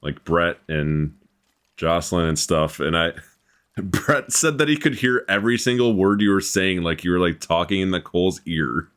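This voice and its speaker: A man's voice: low-pitched, animated, moderate pace, a bit bright. A man hosting a casual gaming stream with friends, teasing them and laughing at his own mishaps. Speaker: streamer and host.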